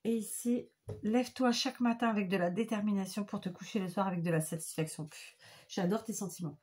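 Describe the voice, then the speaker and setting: A woman crafter talks casually to her viewers, showing off papercraft she received in the mail. Her voice is husky and slightly breathy, at a middling pitch. She is enthusiastic and chatty, heaping praise on every detail. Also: fairly quick, a little mellow. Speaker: craft vlogger. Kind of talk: casual show-and-tell chat.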